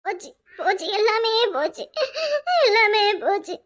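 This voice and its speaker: A woman's voice: very high-pitched, animated, normal speed, a bit bright. A woman voicing a frantic wailing village wife. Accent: southern Tamil Nadu. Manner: wailing, panicky pleading. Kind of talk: cartoon voice acting.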